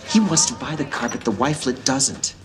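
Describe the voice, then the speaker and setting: An actor playing a boastful car salesman, talking in smooth, wisecracking sales patter. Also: mid-range voice, brisk, close to an everyday voice. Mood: smug, bitter. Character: boastful middle-aged male car salesman. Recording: TV movie audio with clear background noise.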